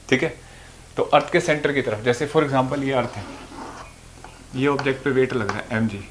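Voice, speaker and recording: Hindi physics teacher lecturing at a board. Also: male voice, a little high, a little hiss or hum. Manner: explains patiently, asks and answers own questions. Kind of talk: classroom lecture. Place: classroom or room with a board.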